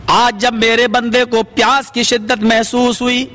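A man's voice: extremely high pitch, flat delivery, pushed and bright, in a large hall, faint music behind, pitched above the performer's own voice. A man voicing a stern divine rebuke. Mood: rebuking. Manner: solemn, raised, rebuking.

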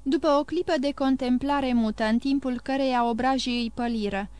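Expressive female audiobook narrator. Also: sits high, clean tone, no echo. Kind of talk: scripted narration of a classic novel.

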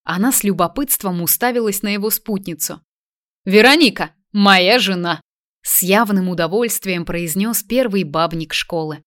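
A woman narrating a novel in a calm, even storytelling manner. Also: mid-range voice, normal speed, hardly any pauses, no echo, clean studio sound. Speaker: audiobook narrator. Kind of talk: scripted narration.

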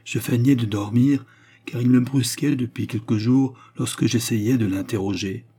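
A male reader voicing a gentle, despairing young woman who pleads and tells of her grief through tears. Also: medium pitch, steady tone, moderate pace, slightly rough, natural voice. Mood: anguished. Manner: pleading, tearful.

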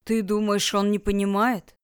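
A woman's voice: mid-range voice, flat delivery, normal speed, smooth, lightly acted. A blunt, hot-tempered tough man who barks his words, voiced by a female audiobook narrator. His delivery is coarse and curt. The voice stays near the reader's own. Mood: remorseful. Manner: barking, blunt. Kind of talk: audiobook character voice.

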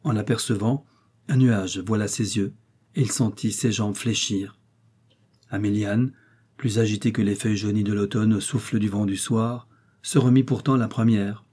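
A man's voice: lowish voice, steady tone, normal speed, dark tone, breathy edge. A man narrating an audiobook of a historical romance in a lyrical, dramatic reading style.

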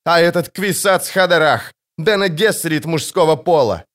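A man's voice: fairly high pitch, lively intonation, moderate pace, voice pushed up, close to an everyday voice. A man voicing a tormented, bitter teenage boy in an audiobook, speaking in intense, agitated outbursts. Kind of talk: audiobook character voice.

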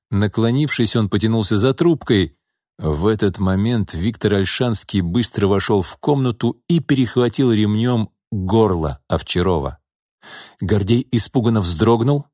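Steady male audiobook narrator. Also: fairly low pitch, no room sound, studio quality. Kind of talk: scripted narration.

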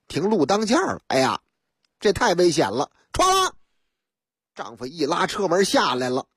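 Husky Beijing-accented woman radio storyteller, lively, playful, dry studio sound. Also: fairly low pitch, normal speed, dry recording. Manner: chatty, playful asides to the listener. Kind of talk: comic storytelling.

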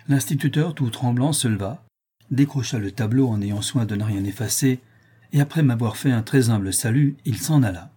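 A man reading a novel aloud as an audiobook narrator, in calm, even storytelling. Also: lowish voice, slightly rough. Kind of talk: scripted literary narration.

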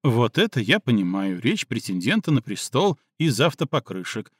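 A man's voice: mid-range voice, sing-song, moderate pace, husky, no echo. A man voicing an ironic adult male onlooker with a dry, mocking delivery.

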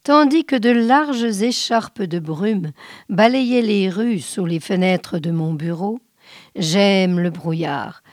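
Slow, measured woman reading a story. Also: medium pitch, no room sound, studio quality. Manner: slow, measured, often hushed. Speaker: reader. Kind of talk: audiobook reading of a short story.

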